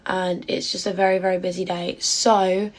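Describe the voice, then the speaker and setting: A woman vlogger talking straight to her viewers in a hurried get-ready-with-me video. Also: lowish voice, flat delivery.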